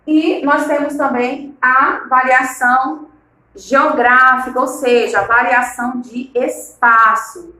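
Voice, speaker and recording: Bright-voiced Brazilian teacher from Maranhão. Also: female voice, sits high, fairly even intonation, slow pace, roomy sound, low-quality recording. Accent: Maranhão Brazilian Portuguese. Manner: explanatory, asks the class rhetorical questions. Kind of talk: recorded online class lesson.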